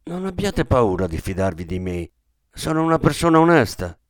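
A man's voice: medium pitch, very animated, normal speed, natural voice. Humble, polite young drifter voiced by a male narrator in a storybook reading, earnest and plain. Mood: pleading.

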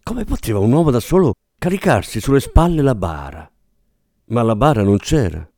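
A man narrates a novel with a lively, dramatic delivery that rises and falls freely. The recording is dry and close to the mic. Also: mid-range voice, moderate pace, no echo. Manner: expressive, dramatic, does character voices.

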